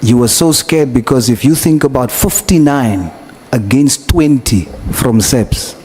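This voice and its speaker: A South African man formally questioning a witness at a hearing, in a deliberate, probing way. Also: medium pitch, a little mellow. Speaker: committee member questioning a witness. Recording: noisy hearing room ambience.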